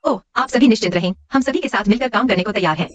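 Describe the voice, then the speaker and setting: A woman dubbing a drama, voicing a brisk businesswoman and wife. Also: mid-range voice, natural voice. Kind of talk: dubbed drama dialogue.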